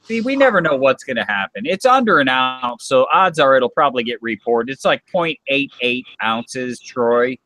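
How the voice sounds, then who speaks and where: A man talks casually through what he is doing as he works on silver. His voice sits at a middle pitch. The recording is dry, with no room echo. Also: expressive, normal speed, few pauses, bright, forceful tone. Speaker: silver pourer. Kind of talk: casual live stream chat.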